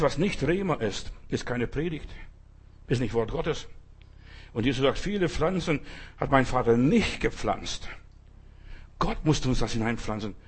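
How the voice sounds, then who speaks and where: A man's voice: mid-range voice, husky. A man preaching a sermon at a church service, emphatic and speaking straight to his listeners. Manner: emphatic, addresses listeners directly.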